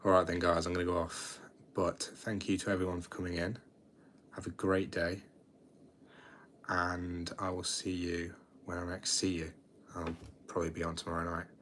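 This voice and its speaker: Very low-voiced young British man. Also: monotone, moderate pace, a bit bright, a little hiss or hum. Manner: chatty, rambling, low-key, often restarts sentences. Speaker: livestream host. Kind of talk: casual late-night livestream chat.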